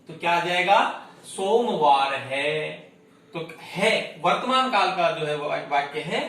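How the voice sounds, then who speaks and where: Slow-talking teacher in an echoey room. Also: male voice, a little high, a bit bright. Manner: explains step by step, asks and answers his own questions. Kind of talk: online class lesson. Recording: echoey room, distant mic, faint noise.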